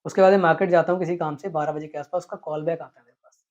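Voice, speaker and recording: A man's voice: a little high, rapid-fire. Earnest storytelling man, dull lo-fi sound. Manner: earnest, animated retelling with acted quotes. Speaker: guest telling a story. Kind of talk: storytelling in an interview.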